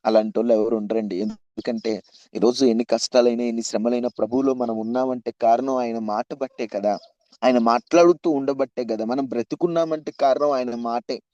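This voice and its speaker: A man's voice: medium pitch, fairly even intonation, fairly quick, warm tone, no room sound, dull audio. A man preaching an impassioned sermon to an online youth meeting, pleading and repeating questions to his listeners.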